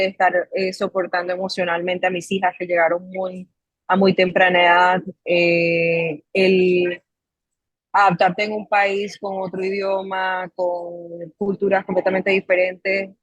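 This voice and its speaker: A woman, guest on an interview podcast, talking in a measured way with frequent pauses and fillers. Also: medium pitch, dry recording, lo-fi sound. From Colombia, Caribbean coast. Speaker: psychologist and mindfulness coach, guest. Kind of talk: interview guest, reflective storytelling.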